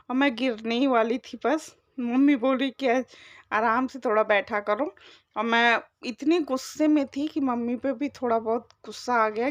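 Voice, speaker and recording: A woman's voice: a little high, no echo, dull audio. A woman in her thirties narrating her day with her daughter as a casual family vlog voice-over. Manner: chatty, narrating daily life to viewers. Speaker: family vlogger.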